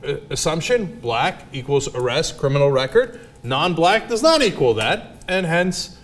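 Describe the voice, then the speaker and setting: A man's voice: a little high, very animated, a little slow. A man hosting a panel discussion, talking in an emphatic, punchy way with rhetorical questions. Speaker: host. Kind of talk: opinionated panel talk.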